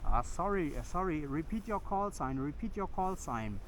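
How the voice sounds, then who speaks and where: Man, ham radio call, outdoors in a park, sing-song call-sign chanting, lively pitch, loud background noise. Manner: rhythmic call-sign chanting with filler pauses. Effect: ham radio call into a transceiver mic. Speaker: radio operator calling from a park. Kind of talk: repetitive ham radio calling.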